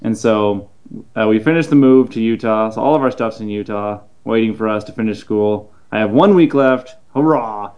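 A man's voice: lowish voice, moderate pace, a little mellow, smooth, highs cut off. A young man co-hosting a podcast in casual, joking chat, recorded in an empty, unfurnished room with an echo. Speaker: podcast co-host.

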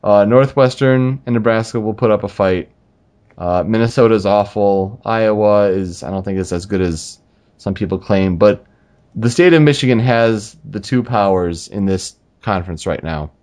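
A man co-hosting a casual sports talk show, making relaxed, talkative predictions about college football. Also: lowish voice, moderate pace. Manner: relaxed, talkative, spells out names. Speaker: sports podcast co-host.

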